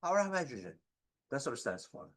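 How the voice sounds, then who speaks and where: A man teaching a high school chemistry class, animated and exclamatory, checking in with "right?" after almost every point. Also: fast talker. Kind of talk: lively classroom lecture.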